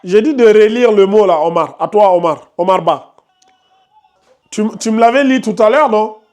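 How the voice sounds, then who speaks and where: Recitation teacher, patient, questioning pupils one by one, mid-pitched voice. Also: moderate pace, darkish tone. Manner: patient, repeatedly questions and corrects students by name. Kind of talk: class lesson with students.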